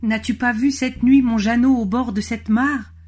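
A woman's voice: on the high side, fairly even intonation, moderate pace, darkish tone, faint music behind, pitched above the performer's own voice, natural voice. A woman voicing an anxious, loving mother rabbit in a storybook, searching for her lost little one. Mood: pleading. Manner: anxious, pleading.

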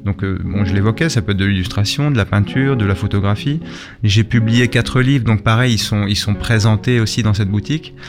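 Guitar music runs in the background as this radio interview guest, a middle-aged artist who owns a shop and gallery, talks briskly in a fairly low voice. He comes from Spain and Belgium, has lived in France, and speaks casually, frequently repeating words as he hunts for what to say.

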